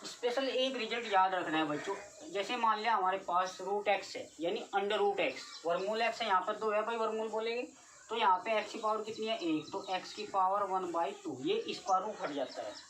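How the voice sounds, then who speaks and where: With a medium-pitched, fairly bright voice and a slightly fast pace, a woman teaches math to class nine, repetitively questioning her students. The recording comes from a distant mic and carries faint noise.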